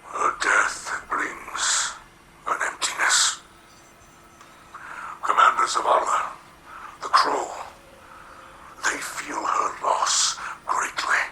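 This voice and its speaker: A man voicing a weary, guilt-ridden alien leader in a video game, halting and formal, with a breathy, gravelly voice. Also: pushed and bright, slight background noise, exaggerated voice, low-quality recording. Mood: mournful, guilty. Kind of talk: dramatic video game acting.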